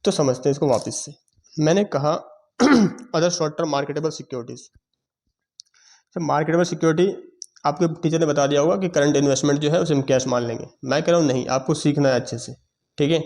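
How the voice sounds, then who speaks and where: A man teaching accounting in a lecture, explaining step by step and checking in with his students. He has a sore throat and often clears it. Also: a little high, a little mellow. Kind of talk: classroom lecture.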